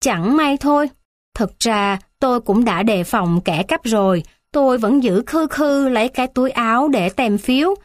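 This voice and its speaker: A woman's voice: a little high, animated, normal speed, dry recording, clean studio sound, natural voice. A woman voicing a wounded, indignant old grandmother. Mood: remorseful. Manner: plaintive, indignant pleading. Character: aggrieved elderly grandmother, proud and wounded.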